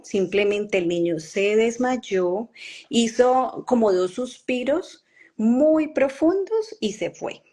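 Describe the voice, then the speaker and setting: A woman with a Colombian accent giving an earnest, emotional personal testimony, halting with pauses and fillers. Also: medium pitch, darkish tone.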